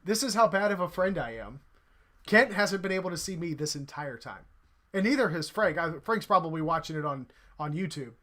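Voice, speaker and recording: A man's voice: fairly high pitch, expressive, brisk, sharp tone. Man hosting a rambling podcast sign-off. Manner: rambling, full of ums and uhs. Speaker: podcast host. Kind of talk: casual chat.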